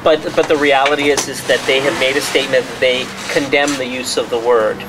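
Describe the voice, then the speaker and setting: Brisk and flat in delivery, a medium-pitched male journalist speaks without preparation at a restaurant press conference, repeating words and starting over as he lays out his points. Background noise comes through clearly in the recording.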